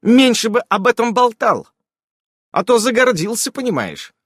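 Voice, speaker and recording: A man voicing a sharp-tongued witch woman, high and lively. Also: a little slow, dry recording, clean studio sound, exaggerated voice. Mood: scolding. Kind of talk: audiobook character voice.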